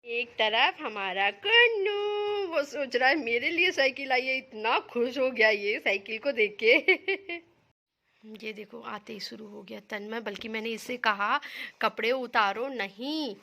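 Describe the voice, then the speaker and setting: A woman's voice: fairly high pitch, expressive, slow, bright, forceful tone. A young woman filming a casual home vlog on her phone, chatting and rambling to viewers while she minds her children. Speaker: home vlogger and mother.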